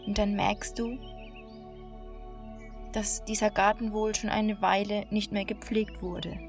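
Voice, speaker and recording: A woman guiding a meditation in a slow, calm, soothing hypnotist-like manner, with long pauses between short phrases. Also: medium pitch. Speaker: meditation guide. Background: new-age music.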